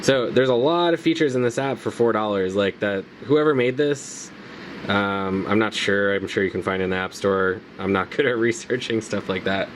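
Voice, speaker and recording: A man's voice: on the low side, moderate pace, a little hiss or hum. A man giving a casual, laid-back tutorial as a motovlogger, talking informally with plenty of slang. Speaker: motovlogger presenting a gear tutorial.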